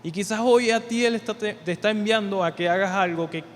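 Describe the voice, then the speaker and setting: High-voiced preacher in a hall. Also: male voice, a little fast. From Venezuela. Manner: conversational, repeats words while building points. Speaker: church leader preaching. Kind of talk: sermon. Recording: reverberant hall with faint noise.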